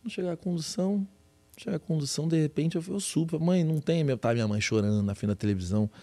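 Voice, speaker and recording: A man's voice: on the high side, very fast, dark tone. A Brazilian man in his forties hosting a podcast, chatting loosely with lots of slang. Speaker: podcast host. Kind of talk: casual chat.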